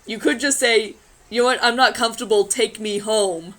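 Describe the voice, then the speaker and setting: A woman's voice: fairly high pitch, fairly even intonation, normal speed, a bit bright, low-quality recording. A woman reading a magazine story aloud in a casual group chat, adding wry, sarcastic asides.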